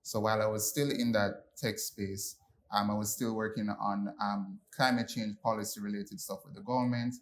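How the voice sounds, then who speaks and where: Low-voiced young man from Jamaica. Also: moderate pace, a little hiss or hum. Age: young adult. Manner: relaxed, many ums and restarts. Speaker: panelist. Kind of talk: panel discussion.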